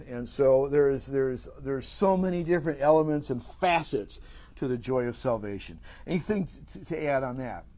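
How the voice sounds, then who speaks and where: A man's voice: medium pitch, darkish tone. A man teaching a Bible study class, talking off the cuff with many restarts and fillers.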